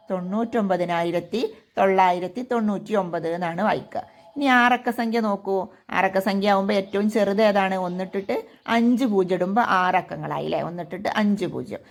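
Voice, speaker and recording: A woman teacher with a Kerala Malayalam accent walks young students through a maths lesson. Her voice sits at a middle pitch for a woman. She keeps asking a question and then answering it herself, in a patient, steady voice-over. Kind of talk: textbook lesson for children.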